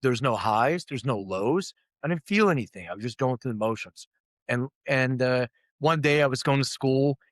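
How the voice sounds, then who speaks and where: A middle-aged man, a company CEO born in Lithuania and raised in Philadelphia, guests on an interview and tells his life story openly, with self-deprecating humor and acted-out quoted voices. His voice is medium-pitched and animated at a moderate pace. The recording is studio quality with no room sound.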